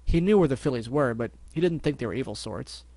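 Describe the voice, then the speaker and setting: A man's voice: mid-range voice, lively intonation, fast talker, warm tone, no echo. A man narrating a scripted story with a congested, stuffy nose from blocked sinuses. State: blocked sinuses, can't breathe through his nose. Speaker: fan fiction reader.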